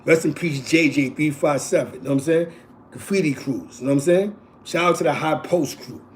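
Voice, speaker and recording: An East Harlem man in his forties hosts a show of casual streetwise storytelling, rambling and repetitive in a New York accent and leaning on "you know what I'm saying" to fill gaps. He speaks a little high and fairly quick, with slight background noise.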